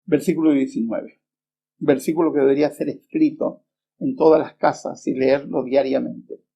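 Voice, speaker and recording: A middle-aged man preaching a sermon, earnest and unhurried, often pausing with small hesitations as he tells a personal story. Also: medium pitch, fairly even intonation, creaky, dark tone, husky. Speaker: preacher and Bible teacher. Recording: dull lo-fi remastered recording.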